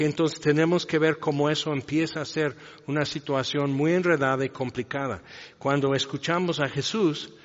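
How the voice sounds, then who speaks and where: A man preaches a sermon in a large reverberant hall, as if in a church. He talks through the passage in a loose, explanatory way, often turning to the listeners with questions. The sound is muffled and lo-fi, and a long echo trails after each phrase. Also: mid-range voice. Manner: conversational, explaining a passage with asides and rhetorical questions. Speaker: pastor.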